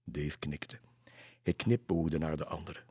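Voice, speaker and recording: Male narrator, dry close sound, low and husky, calm reading. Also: a little slow, no room sound. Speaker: storyteller. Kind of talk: reading a children's story aloud.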